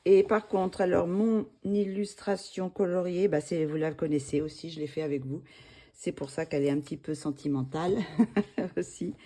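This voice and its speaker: Soft-spoken, low-voiced French woman. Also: fairly even intonation, moderate pace. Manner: hesitant, many fillers and restarts. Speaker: coloring channel host. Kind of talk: casual show-and-tell vlog.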